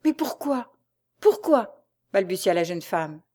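A woman's voice: medium pitch, lively intonation, normal speed, darkish tone, natural voice. Woman reading as a jealous masked young lady. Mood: anxious. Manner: urgent questioning.

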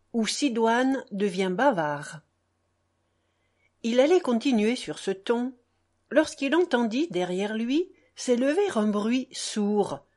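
A woman narrating a classic tale in a measured, expressive reading voice. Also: medium pitch. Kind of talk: audiobook narration.

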